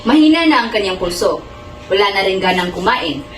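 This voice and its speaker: A woman playing an earnest, troubled young male student in a student drama, speaking in a measured, pleading way. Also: medium pitch, expressive, lightly acted. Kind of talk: amateur student stage drama. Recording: echoey room with music behind.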